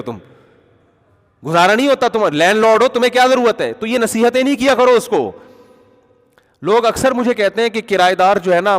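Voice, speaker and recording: A man preaching a storytelling sermon in an animated, conversational way that rises to emphatic peaks. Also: high-pitched, big-room sound. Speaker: Islamic preacher.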